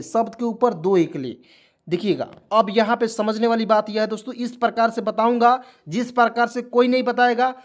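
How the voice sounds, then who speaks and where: A man teaching English phonics in Hindi, coaxing viewers to watch closely and spelling words out letter by letter. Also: high-pitched. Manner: repetitive, coaxing, keeps saying "dekhiyega dosto".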